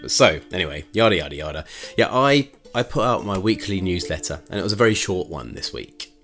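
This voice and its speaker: A man's voice: low voice, very animated, fairly quick, a bit bright, soft background music. A man hosting his own podcast in a chatty, rambling way, laughing often and going off on asides. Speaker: podcast host. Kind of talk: casual solo podcast chat.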